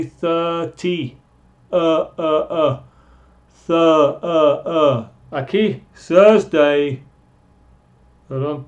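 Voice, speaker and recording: A man teaching pronunciation in a slow lesson, drawing out and repeating each vowel sound. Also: fairly high pitch, a little mellow. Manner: drawn-out, repeats sounds slowly. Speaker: English teacher.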